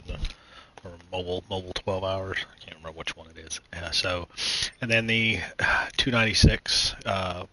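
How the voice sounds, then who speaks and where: A man from the United States hosting his own gaming channel, chatting casually and rambling with many fillers, restarts and throat clearing. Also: low-pitched, sharp tone, poor audio. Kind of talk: casual gaming news chat.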